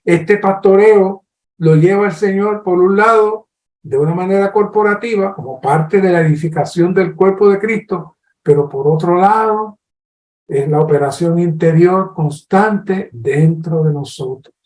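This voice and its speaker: Slow colombian preacher guy, earnest sermon, acts out the questions, roomy echo. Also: sits high. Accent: Colombian Spanish. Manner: slow, earnest teaching with lively acted-out questions.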